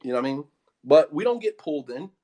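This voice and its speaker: A man's voice: a little high, big pitch swings, fast, warm tone. An American man, an Islamic studies teacher, giving an impassioned, emphatic talk that keeps repeating his points and asking if you follow. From United States. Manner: emphatic, repetitive, peppered with 'you know what I mean'.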